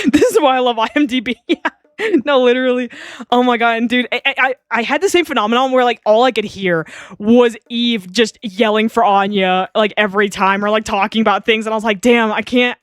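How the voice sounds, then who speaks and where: A woman's voice: fairly high pitch, a little fast, dry recording. Giggly streamer woman, close mic. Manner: giggly, rambling, swears freely. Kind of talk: live-stream game commentary.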